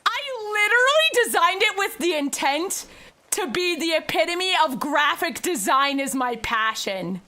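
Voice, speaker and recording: A young woman chats with her stream audience in a high, bright voice. She talks at an unhurried pace and addresses her viewers directly. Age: young adult. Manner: chatty, talks to chat directly, bursts into excited squeals. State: tearful with joy. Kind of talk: casual livestream chat.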